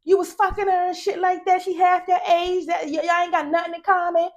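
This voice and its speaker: A middle-aged woman giving a casual, profane movie recap, animated and laughing often. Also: extremely high pitch, brisk, highs cut off. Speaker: movie reviewer.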